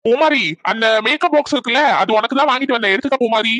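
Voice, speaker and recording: A woman's voice: on the high side, quick pace, fairly bright tone, no echo. A woman voicing a cheerful young man in a cartoon who has come home from abroad and reassures his mother.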